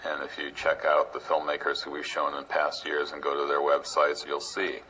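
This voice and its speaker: Very deep-voiced man, bright and forceful. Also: monotone, normal speed, highs cut off, a little hiss or hum. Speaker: festival representative. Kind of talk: interview remarks.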